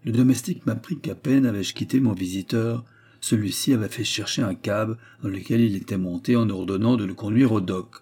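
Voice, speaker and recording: A man narrating a literary short story as an audiobook in a measured, grave storytelling manner. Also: on the low side, dark tone, slightly rough.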